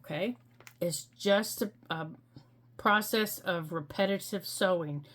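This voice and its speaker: A middle-aged woman hosting a crafting tutorial, explaining each step gently and patiently with frequent ums. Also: medium pitch, a little slow. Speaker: crafting channel host.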